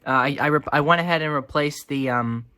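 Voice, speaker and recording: A hobbyist radio repairer presents his own video, narrating a hands-on repair off the cuff in an offhand, self-deprecating way. His voice is fairly high-pitched, sharp, and smooth, and he talks a little fast.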